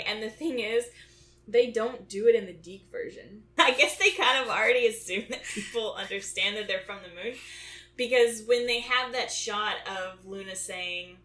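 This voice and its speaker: A woman's voice: on the high side, a bit bright. Chatty woman co-host in an echoey room. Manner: chatty, thinks aloud with restarts. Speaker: podcast co-host. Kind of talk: casual chat.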